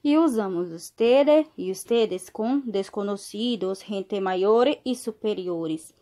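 A woman's voice: medium pitch, warm tone. A woman teacher with a Brazilian Portuguese accent, giving a recorded school lesson and explaining each point patiently, with repetition. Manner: explains slowly, repeats words, reads example sentences. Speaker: Spanish teacher.

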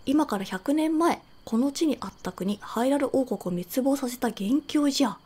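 A woman reading a mysterious, sage-like old man's lines in slow, archaic elder speech while streaming a game. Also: high-pitched, lively intonation, dark tone, slightly rough. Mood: solemn. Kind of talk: reading a game character's lines during a live commentary stream.

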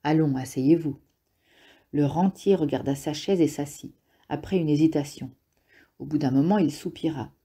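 A woman narrating an audiobook in a steady, even reading voice. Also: sits low, normal speed, slightly rough. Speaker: audiobook reader.

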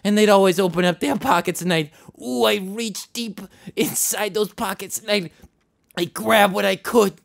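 A gravelly, high-sitting male voice at an ordinary pace plays a frantic cartoon man in an animated short. Pleading to be believed about his identity, the character rambles, says things over and over, and stumbles as he starts again.

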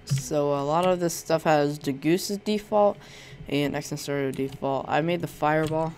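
This Minecraft YouTuber, a young man with a sore throat, rambles through a casual resource pack showcase full of ums, hesitations and restarts. His somewhat high voice has a darkish tone and moderate pace, with soft background music.

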